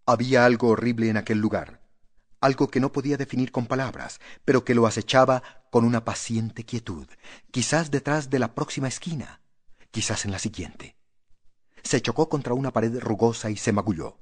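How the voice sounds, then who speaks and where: Man with a measured narrating voice. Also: medium pitch. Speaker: audiobook narrator. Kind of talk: scripted horror narration.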